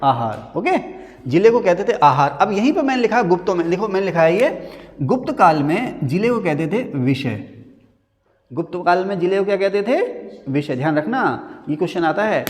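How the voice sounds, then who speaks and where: A high-pitched man lectures on history to a class, asking a question and answering it himself as he goes. He chats and jokes with the students between points. His voice rings with a long reverb in the room. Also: very animated, moderate pace. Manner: repeats key answers as quiz-style questions. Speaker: history teacher at a coaching academy.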